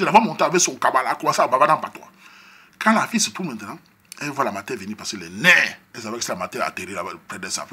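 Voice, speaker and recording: Cameroonian guy telling a funny story, husky voice, bright tone, all over the place pitch-wise. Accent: Cameroonian French. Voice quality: husky, animated, acting out scenes. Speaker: comedian. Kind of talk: comic storytelling.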